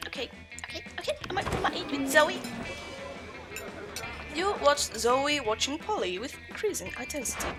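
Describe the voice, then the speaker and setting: A woman's voice: high-pitched, animated, normal speed, pauses often, music in the background. A woman hosting a gaming video, casually commenting and reading the game's text aloud.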